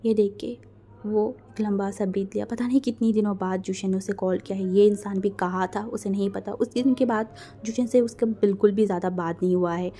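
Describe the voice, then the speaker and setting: A woman's voice: mid-range voice, steady tone, a little fast. A woman narrating a fan fiction story, acting out the quarrels with strong emotion. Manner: emotional, voices quarrels loudly.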